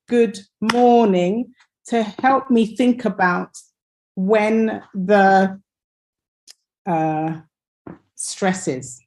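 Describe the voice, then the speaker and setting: Slow, hesitant woman teaching pronunciation. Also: mid-range voice, a little mellow, slight background noise. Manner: slow, hesitant, many fillers and restarts. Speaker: English teacher. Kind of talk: online pronunciation lesson.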